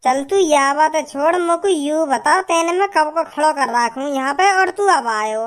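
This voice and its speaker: A voice actor playing a slow-witted village man in a cartoon, who stammers and grumbles. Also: high voice, a bit bright. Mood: defensive. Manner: stammering, confused, complaining. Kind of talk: cartoon comedy voice acting.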